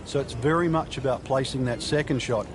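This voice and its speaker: A man's voice: mid-range voice, brisk. Male golf analyst in heavy outdoor noise. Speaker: golf commentator, former tour player as analyst. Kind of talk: golf commentary, expert analysis and recollection. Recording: very noisy outdoor location. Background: loud outdoor ambience.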